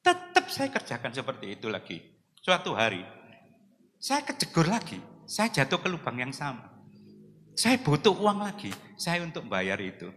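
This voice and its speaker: A man preaching a sermon, telling his own story, swinging between loud exhortation and hushed, emotional confession. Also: mid-range voice. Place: large church hall. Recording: long hall reverb.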